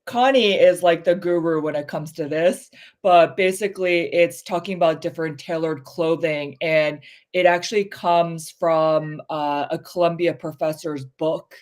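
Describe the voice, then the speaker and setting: A woman co-hosting a casual chat show, speaking candidly and with strong opinions, full of fillers, her pitch rising when she stresses a point. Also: steady tone, a little slow, a little mellow. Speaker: podcast co-host.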